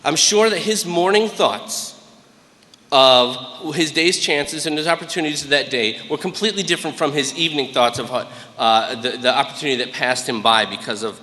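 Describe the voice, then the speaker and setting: A man's voice: mid-range voice, brisk, few pauses, pushed and bright. An American man in his late thirties giving an earnest, plain-spoken motivational commencement speech and telling stories conversationally. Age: late 30s. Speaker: guest graduation speaker, military master sergeant. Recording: echoey hall, long reverb over PA.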